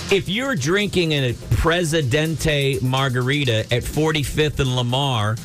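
A man's voice: a little high, measured pace, over music. A man hosting a call-in trivia game on the radio, loose and joking, tripping over his words as he runs it. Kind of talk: casual radio banter.

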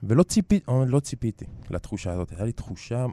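A middle-aged man from Israel speaks Hebrew with a French accent, reflecting hesitantly in an interview and pausing to search for words. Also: mid-range voice, big pitch swings, creaky, dark tone. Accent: French-tinged Hebrew. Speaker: interview guest, artist.

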